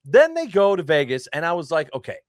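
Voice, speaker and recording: Exasperated young man, lively voice. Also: fairly quick, dry recording, clean studio sound. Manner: exasperated storytelling, swings up in pitch. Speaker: podcast co-host. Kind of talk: casual sports chat.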